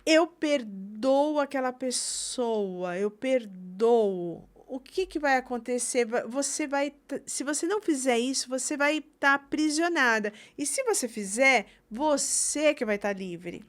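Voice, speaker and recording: A woman's voice: sits high, normal speed, few pauses. A woman, a podcast host telling a story and acting out the voices of the people in it. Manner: animated storyteller acting out quoted speech. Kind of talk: casual chat, storytelling.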